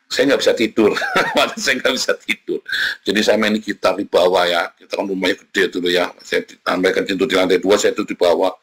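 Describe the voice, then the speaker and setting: A man preaching a sermon as pastor, animated and dramatic, often turning to address his listeners directly. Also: fairly low pitch, slightly rough.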